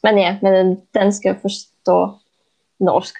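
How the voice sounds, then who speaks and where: A Polish woman appears as a podcast guest, chatting casually in a second language with many pauses, fillers and restarts, and laughing often. Her medium-pitched voice is flat in delivery, with vocal fry and a dark tone.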